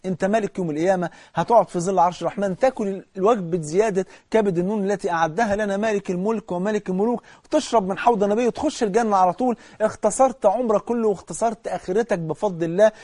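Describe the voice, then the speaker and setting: Egyptian preacher guy, high voice, dry close sound, goes loud then whispery. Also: no echo. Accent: Egyptian Arabic. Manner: impassioned, swings from loud to hushed, chants scripture slowly. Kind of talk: sermon.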